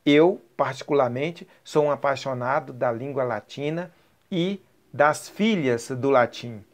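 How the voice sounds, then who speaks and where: A man with a Brazilian Portuguese accent teaching an online language lesson, explaining slowly and checking in with the listener as he goes. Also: mid-range voice, darkish tone. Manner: slow, explanatory, checks in with "ok?" and "certo?".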